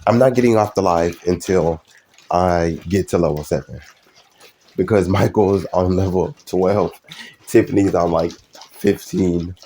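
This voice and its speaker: A young man chats loosely with his live-stream viewers, his voice sitting very low. He rambles and hesitates, circling back through fillers and restarts as he goes. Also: a little slow, warm tone.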